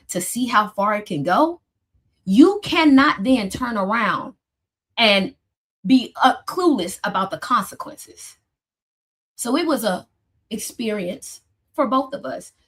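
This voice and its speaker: A woman therapist giving casual advice to her viewers, emphatic and direct, calling them "y'all" and jumping up in pitch when she drives a point home. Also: fairly bright tone, slightly rough. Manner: emphatic, addresses listeners as "y'all", rises sharply when stressing points. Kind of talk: casual motivational talk.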